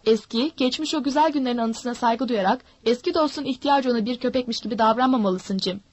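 A woman voicing a sly, menacing old male pirate who coaxes and threatens smoothly. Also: on the high side, fast, lightly acted. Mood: sly coaxing. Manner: smooth-talking, mocking threats.

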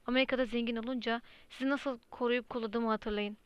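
A woman's voice: a little high, steady tone, fast, smooth, no room sound, close to an everyday voice. A woman reading the lines of a sentimental yet calculating middle-aged uncle in an audiobook. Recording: dry, slightly muffled lo-fi recording.

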